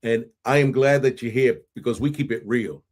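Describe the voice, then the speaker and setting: A man's voice: mid-range voice, normal speed. Hyped-up New man hosting. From New York City. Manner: energetic, hype, peppers speech with Spanish phrases and "right?". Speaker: podcast host. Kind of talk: animated podcast intro and interview.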